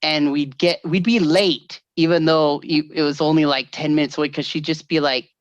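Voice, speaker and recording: A middle-aged man co-hosting a podcast, telling stories in a lively way, acting out the quoted voices and laughing often. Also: on the high side, normal speed, dry recording, lo-fi sound. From Northern California. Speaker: podcast co-host. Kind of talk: casual storytelling chat.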